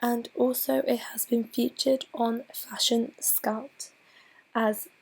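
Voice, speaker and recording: Hoarse ill woman presenting slowly. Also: on the high side, level tone, a little mellow, rough recording. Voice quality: breathy, partly whispered. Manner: slow, halting, restarts phrases. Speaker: student presenter. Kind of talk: slide presentation voice-over.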